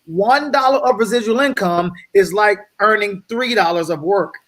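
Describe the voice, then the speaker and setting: A man giving an energetic slide presentation as a guest speaker on a video call, often checking in with his audience. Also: sits high, moderate pace. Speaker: guest speaker on wealth building.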